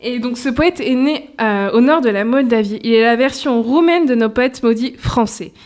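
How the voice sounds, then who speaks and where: A woman presenting a poetry game on a radio show, playful and quick to laugh. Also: on the high side, a crowd in the background. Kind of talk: radio chat and reading.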